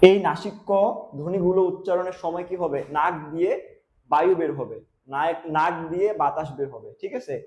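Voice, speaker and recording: A young man from Bangladesh teaches a class lesson in a fairly high but mellow voice. He asks his own questions and answers them, hitting key terms hard. The sound is echoey, like a bare room. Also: a little fast, lo-fi sound. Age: young adult. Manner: stresses key terms loudly.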